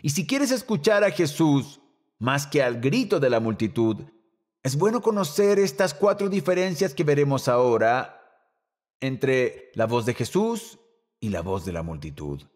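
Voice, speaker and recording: A man preaching a sermon to a church, animated, rising to shouts and dropping to a hush. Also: medium pitch, unhurried. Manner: lively preaching, shouting quoted lines and dropping to near whisper. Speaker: pastor.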